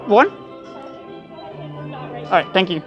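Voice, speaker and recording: A man's voice: sits high, very animated, takes it slowly, lo-fi sound. A man narrating a casual walk-around theme park vlog. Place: theme park, rides and queues. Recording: music playing clearly in background.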